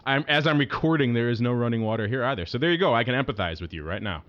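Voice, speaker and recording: A man's voice: medium pitch, animated, quick pace, fairly bright tone, dull audio. A man hosting a show in a casual radio style with playful, announcer-like patter. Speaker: podcast host.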